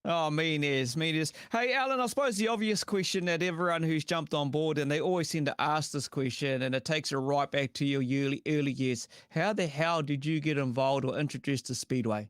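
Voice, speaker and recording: A man's voice: on the high side, fairly quick, hardly any pauses, dry recording, studio quality. A man with a broad New Zealand accent hosting a live chat show in a matey, effusive, slangy way. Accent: broad New Zealand (Kiwi). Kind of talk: casual chat interview.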